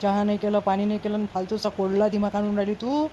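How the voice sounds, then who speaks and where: A woman's voice: medium pitch, monotone, fast talker, mellow, lo-fi sound, a little hiss or hum, natural voice. A woman with a Varhadi Marathi accent playing a grumpy, short-tempered husband who scolds and threatens in a village comedy skit. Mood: shouting. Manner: scolding, nagging, blustering threats.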